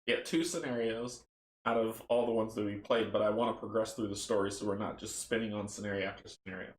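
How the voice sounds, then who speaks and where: A man casually chatting and reading a horror board game story aloud, relaxed and rambling. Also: on the low side, quick pace, slight background noise. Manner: relaxed, rambling, laughs at own slips. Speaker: tabletop game player and narrator. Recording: roomy echo.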